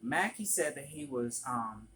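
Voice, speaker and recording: A vlogger telling a work story in an animated, profane storytime manner. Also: mid-range voice, a little slow, a little hiss or hum. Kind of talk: storytime vlog.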